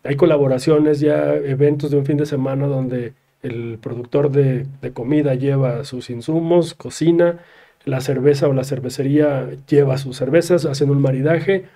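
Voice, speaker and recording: A man's voice: medium pitch, steady tone, moderate pace, dark tone. A man with a Mexican Spanish accent, a brewery guest explaining things in casual interview chat, with many fillers and tag questions. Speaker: craft brewery representative guest.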